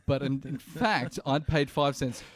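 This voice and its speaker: A man's voice: mid-range voice, measured pace. An Australian man telling a funny story in casual podcast chat, joking and laughing as he talks. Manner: jokey, laughing, chatty storyteller.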